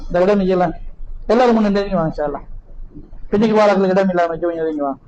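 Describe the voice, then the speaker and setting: A man's voice: sits high, rapid-fire, a little mellow, lo-fi sound. A man with a Sri Lankan Tamil accent preaching a sermon to a large gathering, fervent and full of repeated rhetorical questions. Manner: impassioned, repetitive rhetorical questions.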